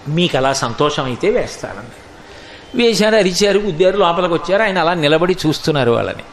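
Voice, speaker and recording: A man giving a spiritual sermon, telling stories in an animated way, acting out the lines of the people in them and chanting scripture verses. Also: high-pitched, echoey room. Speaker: spiritual discourse speaker.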